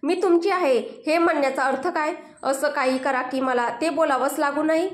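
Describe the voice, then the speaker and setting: A sulky, tearful young wife in a storybook tale, voiced by a woman narrator. Her voice is high and pleading, with a roomy echo around it. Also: fairly even intonation, moderate pace, natural voice. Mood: hurt.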